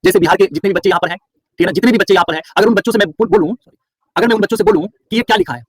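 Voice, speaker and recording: A man's voice: high-pitched, very fast, dry recording. A male teacher from Bihar gives an online class lecture, quizzing his students and then answering each question himself, with words repeated for stress.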